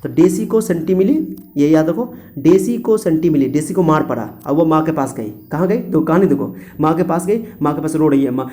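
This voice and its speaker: Chatty male teacher, mellow voice. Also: fairly high pitch, lively intonation, brisk. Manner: chatty, acts out voices in the story. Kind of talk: explaining a memory trick to students.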